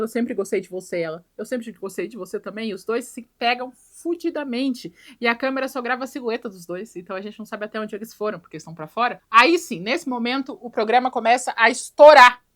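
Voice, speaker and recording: A woman talks through a film with a quick, joking energy, putting on little voices for the characters. Her voice is bright and sits a bit high, and she races along. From Brazil. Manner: animated and joking, acts out quotes. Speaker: film commentator. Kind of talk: casual film recap.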